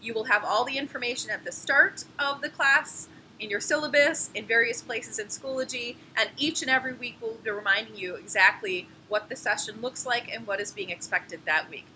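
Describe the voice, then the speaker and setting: In this course introduction video, a female anatomy and physiology professor explains logistics in a friendly, explanatory way, with occasional laughs. Her voice is on the high side, bright, forceful and brisk, though the audio is poor with a little hiss or hum.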